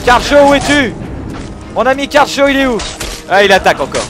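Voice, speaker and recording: Man, high voice, gameplay commentary, game music behind. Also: fairly quick. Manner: excitable, swears, shouts at the game. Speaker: gaming video host.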